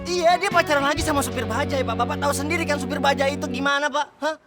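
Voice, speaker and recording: An actor playing a pushy, jealous young suitor in a comic TV serial, whiny and pleading. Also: male voice, extremely high pitch, fast talker. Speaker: rejected suitor pleading with the girl's father. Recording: loud music behind.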